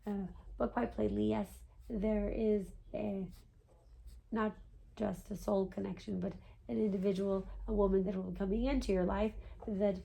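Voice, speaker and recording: A patient, knowing spirit guide speaks through a seance medium , played by a woman. The voice is creaky and mid-pitched for a woman. The phrasing is formal and stilted, often closing on a questioning tag. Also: level tone, normal speed, mellow, rough recording. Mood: reassuring. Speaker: trance channeler answering a client's questions. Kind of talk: seance medium channeling session.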